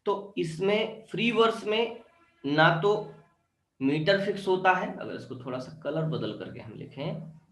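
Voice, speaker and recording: Indian guy teaching an online english class, keeps asking "clear?", bit high voice, echoey room. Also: a bit bright. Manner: explains step by step, checks with "clear?".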